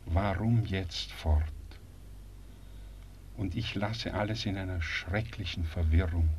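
An actor playing a condemned revolutionary leader who calms his friend and then speaks of his fate, weary and bitter. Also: low-pitched, takes it slowly, slight background noise. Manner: calm and soothing, then wry and bitter. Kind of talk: stage drama performance.

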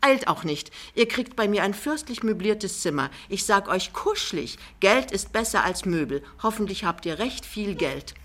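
A woman's voice: mid-range voice, lively intonation, normal speed, hardly any pauses, fairly bright tone. A woman reading an audiobook, voicing a vain, thrifty middle-aged mother with a gushing, bossy and theatrical manner.

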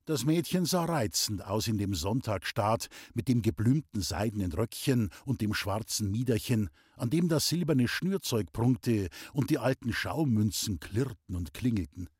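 Husky, dry-voiced male narrator. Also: lowish voice, normal speed, few pauses, no echo. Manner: calm, even storytelling. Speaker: audiobook reader. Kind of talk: scripted narration.

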